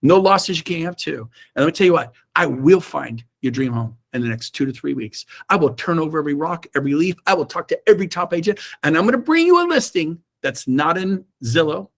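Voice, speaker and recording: A middle-aged man giving a fired-up motivational talk to his real estate team over a video call. He is emphatic and swings from shouts to low asides. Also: sing-song, brisk, creaky, few pauses. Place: indoors, own room on a Zoom call.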